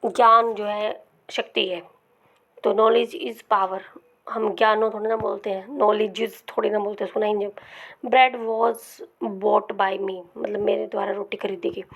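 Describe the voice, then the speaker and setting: A woman teaching English grammar to exam students, explaining patiently and checking in often, sometimes dropping to a soft murmur. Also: mid-range voice, gravelly. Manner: explains patiently with many repeated "ठीक है" checks. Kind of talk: Hindi-language grammar lesson with slides.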